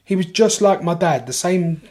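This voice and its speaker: A man with a London accent talking as a podcast guest, his voice sitting a bit high for a man. He tells his story in a casual, animated rush, swears freely and keeps restarting his sentences. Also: moderate pace.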